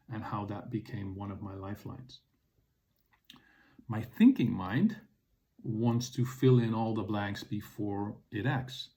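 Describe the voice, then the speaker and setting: Slow, mellow-voiced man reflecting. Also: fairly low pitch. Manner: calm, earnest, unhurried reflection. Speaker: podcast host. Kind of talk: reflective personal monologue.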